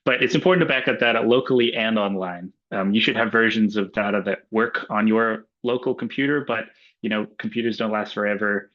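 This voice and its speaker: An Australian man gives a webinar talk over a video call mic, his voice sitting fairly low. He speaks casually and loosely, filling pauses with ums and uhs. The audio is dull and lo-fi. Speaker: webinar presenter. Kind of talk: relaxed webinar talk with slides.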